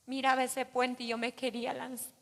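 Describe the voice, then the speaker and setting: Female pastor, earnest sermon testimony, high pitch, long hall reverb. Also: little pitch movement, brisk, creaky. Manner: earnest, addresses listeners as brothers.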